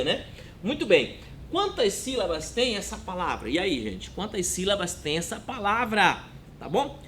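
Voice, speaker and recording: A man teaches a lesson at an unhurried pace, his high voice rising and falling a lot. He keeps asking his listeners whether they follow. A faint rumble runs under the recording. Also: pushed and bright. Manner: slow, drawn-out, checks in with "né?" and "tá bom?".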